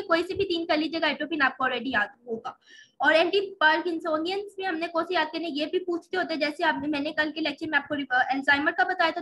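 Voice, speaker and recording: Bright high-voiced woman lecturing. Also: low-quality recording. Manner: patient, explains step by step with memory tricks. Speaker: medical lecturer. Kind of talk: pharmacology lecture.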